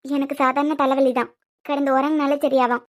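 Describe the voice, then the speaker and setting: A woman voicing a heartbroken young wife in a cartoon, speaking in a quiet, wounded way. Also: high voice, flat delivery, fairly quick, natural voice. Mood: hurt. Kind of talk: cartoon voice acting.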